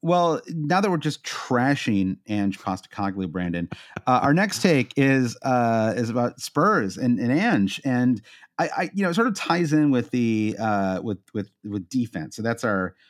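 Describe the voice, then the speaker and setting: A man's voice: medium pitch, big pitch swings, unhurried. A man with a Midwestern accent co-hosting a casual football podcast, rambling and joking with lots of fillers and restarts. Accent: American Midwestern. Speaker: podcast co-host.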